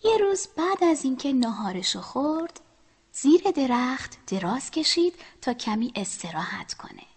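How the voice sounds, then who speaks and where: A woman telling a children's story, speaking to the children and often dropping to a soft whisper. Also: high-pitched, sing-song, slightly rough.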